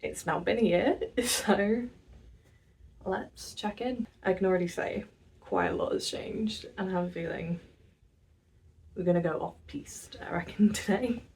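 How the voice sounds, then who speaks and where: A nineteen-year-old woman, chatting casually in a vlog, self-mocking and quick to laugh. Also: mid-range voice, animated, darkish tone, far from the mic. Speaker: vlogger.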